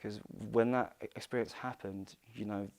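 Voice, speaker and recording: A man giving a halting personal account in a documentary interview, pausing and searching for words. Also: on the low side, steady tone. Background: music playing softly.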